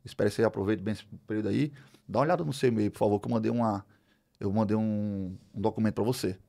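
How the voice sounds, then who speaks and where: Fast-talking gravelly Brazilian man. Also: lowish voice. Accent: Brazilian Portuguese. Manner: animated, acts out dialogue, many fillers. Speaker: podcast guest. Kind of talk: storytelling in a casual interview.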